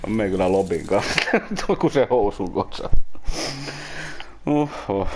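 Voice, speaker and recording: Brief: young male streamer, swings from low mutters to frantic yelling, noisy mic. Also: animated. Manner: swearing, yelling instructions at a teammate; laughs while shouting in exasperation. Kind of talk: live gameplay commentary. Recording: noisy home stream recording.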